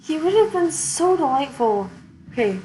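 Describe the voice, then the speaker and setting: A woman's voice: high-pitched, big pitch swings, normal speed, mellow, slight background noise, poor audio. Chatty woman streamer narrating a game. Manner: chatty, giggly, thinking aloud. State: hiccups. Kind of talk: casual let's-play commentary.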